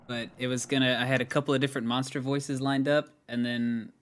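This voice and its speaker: A man's voice: medium pitch, little pitch movement, fairly quick, fairly bright tone, clean tone. Chatty young-sounding gamer man. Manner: chatty, laughs easily, rambling restarts. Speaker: gamer and video maker. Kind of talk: casual gaming voice chat.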